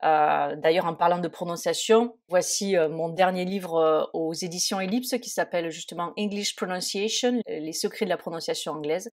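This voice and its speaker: A woman's voice: fairly low pitch, moderate pace, few pauses. A woman teaching an English lesson in French, often hesitating and spelling words out letter by letter. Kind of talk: spoken lesson.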